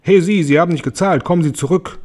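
A man voicing a greedy, cruel middle-aged aunt with a shrill, bossy voice in a storybook reading. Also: quick pace, darkish tone, close to an everyday voice. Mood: shrill hawking. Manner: shrieking, bossy barking.

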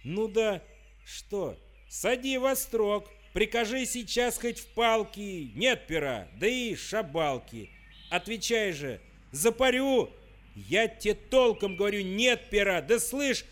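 A man voicing a frightened, excitable young peasant who pleads and protests, in a storybook verse reading. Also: high-pitched, takes it slowly, voice pushed up, exaggerated voice. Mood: indignant.

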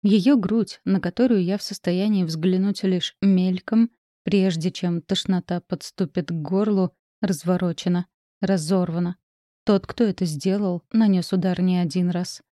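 A woman narrating a first-person story in a measured, tense audiobook reading. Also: on the low side, fairly even intonation, mellow, dry recording, studio quality.

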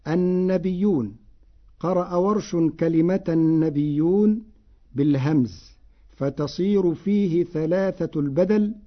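A man with a fairly high voice gives a formal, measured lesson on recitation, stretching out each quoted word in a slow chant. The sound is dull and lo-fi, like an old radio broadcast. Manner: measured and formal, intoning quoted words slowly. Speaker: Quran recitation scholar.

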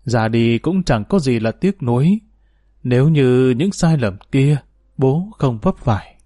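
A man voicing a remorseful father near sixty, reading his farewell letter gravely in a storybook narration. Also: medium pitch, lively intonation, a little slow, mellow, no room sound, clean studio sound.

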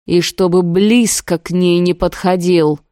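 A woman's voice: fairly low pitch, steady tone, mellow, smooth, dry recording, clean studio sound, lightly acted. A woman doing a furious protective older brother. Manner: harsh, slow, through gritted teeth. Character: angry young man, protective older brother. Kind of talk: audiobook dialogue.

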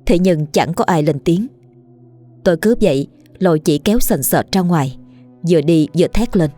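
A woman's voice: lowish voice, normal speed, mellow. Woman narrating a horror tale over music. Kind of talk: scripted horror story narration.

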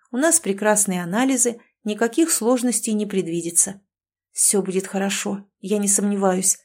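A woman reading a story aloud in the first person, with a mid-range voice. She tells it as an anxious, wry inner monologue, full of worry and self-mockery. It is a steady audiobook-style reading. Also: mid-range voice. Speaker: audiobook narrator.

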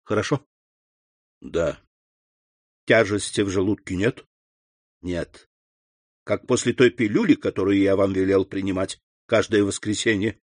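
A man voicing a grave middle-aged doctor who asks low, hushed, measured questions, in an audiobook reading. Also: steady tone, no room sound, clean studio sound.

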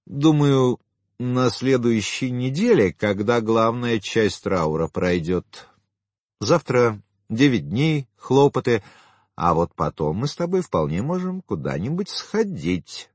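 A man voicing a haughty, sharp-tongued widowed woman in an audiobook, scornful and teasing, then falsely sweet. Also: mid-range voice, big pitch swings, slow pace, dry recording, clean studio sound. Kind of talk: audiobook character voice.

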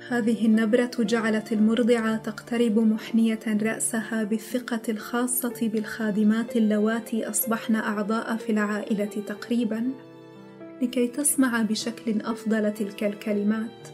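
A woman narrating an audiobook in a steady, even reading voice. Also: a little high, brisk, faint music behind. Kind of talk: scripted narration.

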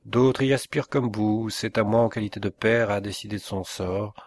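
A man's voice: on the low side, steady tone, moderate pace, no echo, natural voice. A man reading the part of an indignant middle-aged forest inspector and father, speaking with menace in an audiobook. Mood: stern.

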